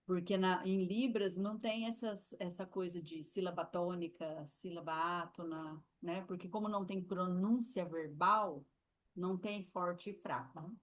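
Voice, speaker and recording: A woman with a Brazilian Portuguese accent teaching sign language in a live lesson, slow and patient, demonstrating as she repeats each word. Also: fairly low pitch, fairly even intonation.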